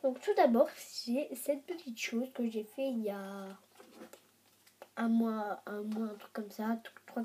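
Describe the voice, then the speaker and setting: Stuffed up from a cold, this high-voiced young woman sounds nasal and congested but mellow, with slight background noise behind her. She's a beauty vlogger chatting informally and poking fun at herself while showing homemade makeup.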